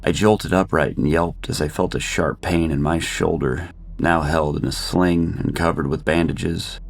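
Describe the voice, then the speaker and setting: A man narrating a first-person horror story in a steady, grim manner. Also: extremely low pitch, a little slow, gravelly, a little hiss or hum.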